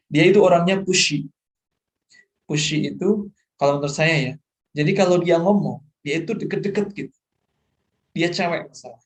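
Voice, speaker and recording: Male lecturer, mixing in English terms. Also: on the high side. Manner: mixes English terms into Indonesian, checks understanding often. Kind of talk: online lecture.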